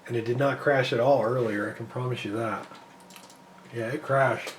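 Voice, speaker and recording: A man with a voice worn from losing it talks over his gameplay in a loose, rambling way. His pitch sits in the middle, and he thinks out loud as he checks frame rates. It is casual commentary, full of fillers and restarts. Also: fairly even intonation, normal speed, a little hiss or hum. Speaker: PC gaming benchmark creator.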